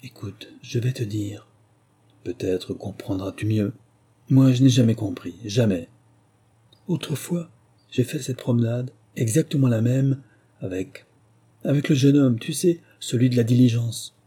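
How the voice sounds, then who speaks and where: A man's voice: mid-range voice, unhurried, breathy edge. A man reading aloud voices a tender middle-aged mother who hesitantly confides a long-kept secret. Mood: confiding. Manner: soft-spoken, hesitant and confiding. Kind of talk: audiobook reading.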